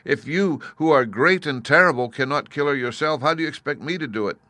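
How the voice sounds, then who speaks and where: A man's voice: fairly quick, bright, forceful tone, dry recording. A man voicing a frightened little girl who pleads through tears. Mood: tearful. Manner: tearful, pleading, higher-pitched. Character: young girl, weepy and frightened.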